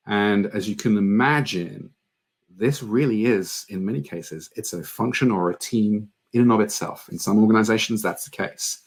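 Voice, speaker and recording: Brief: man, lowish voice, conference speaker, earnest conversational delivery with filler ums. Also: moderate pace. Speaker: conference speaker on product marketing. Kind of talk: online conference presentation.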